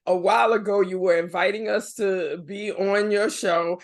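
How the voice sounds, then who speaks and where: A man's voice: high-pitched, fairly even intonation, normal speed. Slangy man hosting a casual podcast. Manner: slangy, hesitant, wordy. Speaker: podcast host. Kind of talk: casual chat.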